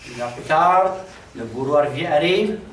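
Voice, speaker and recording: A man with a Québécois accent telling a traditional folk tale in an animated, dramatic way. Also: fairly high pitch, normal speed, slight background noise. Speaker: storyteller. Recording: roomy, distant mic, faint background.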